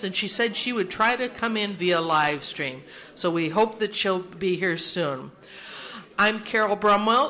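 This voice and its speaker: Holding a handheld microphone in a large room, an older woman chairs and emcees a seniors' meeting, making orderly announcements and leading a prayer. She's practical and orderly, with light self-deprecating humor. Her voice is medium-pitched, pushed and bright.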